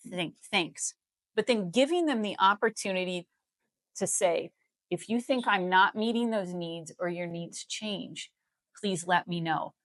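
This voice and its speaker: A healthcare CEO from Missouri, United States, talks as a guest in a live interview, pressing her explanations emphatically to persuade. Her voice is lowish with a fairly bright tone, and no room sound is audible.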